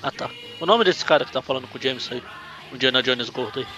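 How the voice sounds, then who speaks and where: A man's voice: mid-range voice, fast, lo-fi sound, music in the background. A man with a Brazilian Portuguese accent co-hosting a casual comic book review chat, rambling and correcting himself as he jokes. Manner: rambling, self-correcting, jokey. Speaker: podcast co-host.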